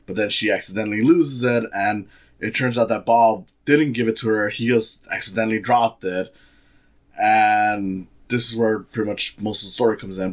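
A man giving a casual, sarcastic movie review, rambling with many fillers and restarts. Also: on the low side. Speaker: film reviewer.

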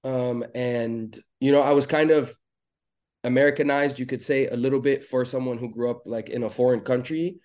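A man from Lebanon talking as a podcast guest in a relaxed, rambling way with lots of fillers. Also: mid-range voice, normal speed. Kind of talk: casual interview chat.

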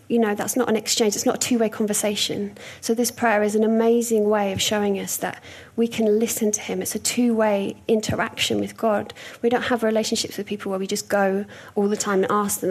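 Young adult woman giving a sermon, slightly husky, easygoing and chatty. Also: mid-range voice, little pitch movement, a little fast, few pauses. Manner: conversational, warm storytelling with hesitations. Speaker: preacher.

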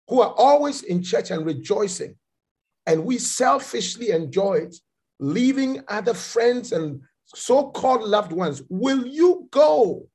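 A man's voice: sits high, darkish tone, husky. A man preaching and pleading with his congregation, repeating calls to act. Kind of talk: sermon exhortation.

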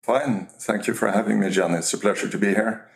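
A man from Norway, a company CEO, talking as a guest in a remote interview, measured and often restarting his sentences. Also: on the low side, creaky. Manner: measured, with frequent restarts and fillers. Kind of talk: casual interview talk.

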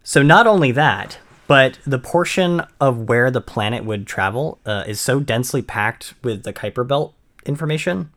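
A man's voice: mid-range voice, lively intonation, moderate pace, a bit bright. A man from Maine co-hosting a podcast, explaining in casual chat with frequent ums and restarts. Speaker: podcast co-host.

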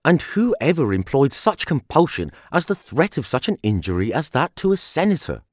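A man's voice: fairly high pitch, very animated, moderate pace, no echo, studio quality. A man reading a scripted ancient speech in the declamatory manner of a Roman orator, posing rhetorical questions. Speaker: audiobook reader of a classical speech.

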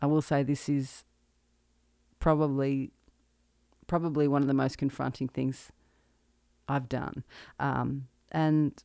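An Australian woman in her thirties, a singer-songwriter, hosts her own podcast and reflects candidly on her life in a personal monologue, with soft laughs. Her voice is very low and creaky, her tone level, and she speaks slowly with long pauses. The recording is dry and of studio quality.

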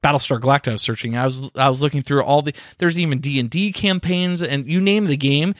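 A man's voice: a little high, quick pace, no echo, studio quality. A man co-hosting a casual podcast, chatty and playfully complaining, often laughing. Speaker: podcast co-host. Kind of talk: casual chat.

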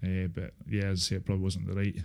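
A Scottish man in his thirties recalling his life in a casual interview, speaking haltingly with repeated filler phrases. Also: deep voice, monotone, creaky, a little mellow. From Inverness, Scotland. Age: 30s. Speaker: interview guest, former supported-housing tenant. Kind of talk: casual interview, personal recollection.

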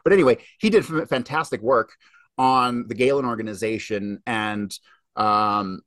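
A man's voice: on the low side, fairly bright tone, dry recording. A man talking as a podcast guest, emphatic and rambling, with frequent swearing. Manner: emphatic, swears often, fast rambling delivery. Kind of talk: casual interview talk.

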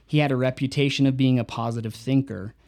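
A book reviewer with a mellow, warm, gravelly voice of ordinary middle pitch talks quickly through a self-help book in a relaxed, casual monologue. Reflective in manner, he reads short quotes aloud and then adds his own personal stories about them.

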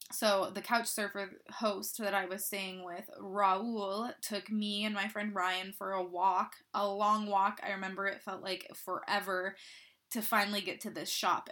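A woman's voice: medium pitch, sharp tone. A woman hosting a podcast, talking in a casual, effusive and encouraging self-help influencer manner. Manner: informal, effusive, with frequent "like" and light swearing. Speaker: podcast host.

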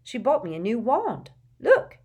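A woman voicing an earnest, clumsy teenage boy wizard, talking loudly and eagerly. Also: on the high side, huge pitch swings, unhurried, breathy edge, voice pushed up, heavily acted.

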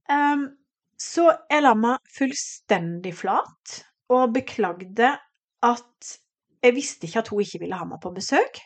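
A middle-aged woman from Norway telling a personal story on her podcast, animated and emotional, acting out the lines of the people in it. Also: mid-range voice, breathy edge. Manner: emotional, animated retelling with quoted dialogue. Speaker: podcast host.

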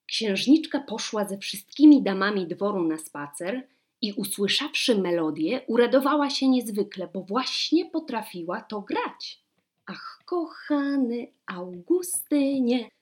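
A woman reading a fairy tale aloud in a slow, expressive storybook manner. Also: medium pitch.

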